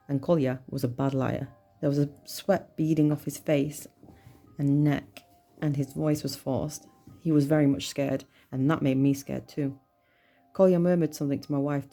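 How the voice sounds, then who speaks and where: A woman narrating a horror story in a low, gravelly voice with a mellow, dark tone. She reads in a measured, tense way, with soft music playing underneath.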